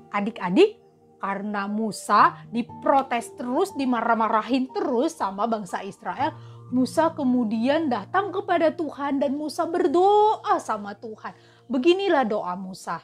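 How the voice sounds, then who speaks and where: A woman, a Sunday school teacher telling a Bible story to children in an animated, exaggerated way. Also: a little high.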